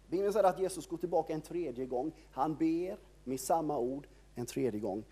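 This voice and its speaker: Mellow-voiced man retelling scripture casually. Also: on the high side, animated, slightly rough. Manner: conversational storytelling, constant filler words. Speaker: preacher. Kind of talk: informal sermon retelling a Bible story.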